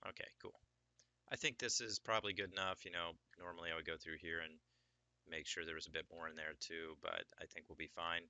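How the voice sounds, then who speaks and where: Male tutorial instructor, low voice with a sharp, bright edge, laid-back and chatty. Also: steady tone, a little fast, dry recording. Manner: casual, explanatory, many fillers. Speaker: 3D sculpting instructor. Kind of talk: screen-recorded software tutorial.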